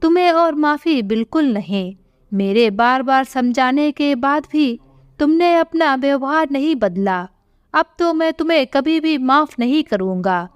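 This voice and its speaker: A furious grown son hurls harsh rebukes at his wife in a storybook reading, as a woman puts him on. The voice stays high and unhurried. It sounds close and dry. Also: lively intonation, no room sound, muffled recording. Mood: angry. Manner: harsh, scolding. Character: angry grown son defending his mother.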